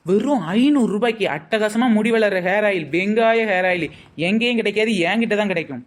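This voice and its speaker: A woman playing a crafty young village shop girl with a pitch for everything. Her wisecracking sales patter comes, in a mid-range everyday voice for a scripted comedy skit. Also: fairly quick, natural voice. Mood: sly. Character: scheming young village shop girl selling hair oil. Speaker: shopkeeper.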